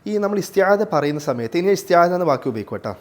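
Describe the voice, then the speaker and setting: Male tajweed teacher with a somewhat high voice. Slow, careful recitation, followed by plain explanation to the class. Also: expressive. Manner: recites Arabic slowly, then explains. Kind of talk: classroom lesson.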